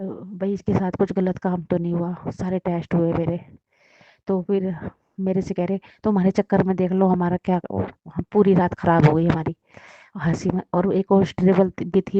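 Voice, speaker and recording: A woman sharing a personal testimony, telling her story in a plain, emotional way that often drops soft and low. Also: no room sound, highs cut off.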